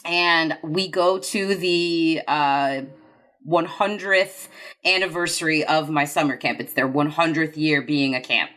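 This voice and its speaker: A woman's voice: low voice, steady tone, unhurried, a bit bright. A woman co-hosting a podcast, telling a story in a rambling, casual way with many restarts. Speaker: podcast co-host.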